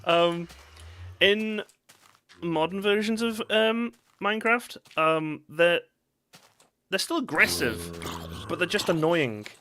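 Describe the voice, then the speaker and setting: A male streamer talks through his survival game in a lively, sing-song voice that swoops up and down. His tone is bright and forward. He answers chat in quick asides and lets out sharp yelps when something jumps him. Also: high-pitched, soft background music. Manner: jumpy, reacts with sudden yelps and chatty asides to chat. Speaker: gaming streamer. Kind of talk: live gameplay commentary.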